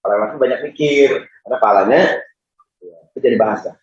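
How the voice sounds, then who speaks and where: A man's voice: mid-range voice, fast. A male preacher giving a humorous sermon in a mosque and often addressing the congregation. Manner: joking, addresses the audience often. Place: mosque hall in Jakarta. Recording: roomy dull mosque hall.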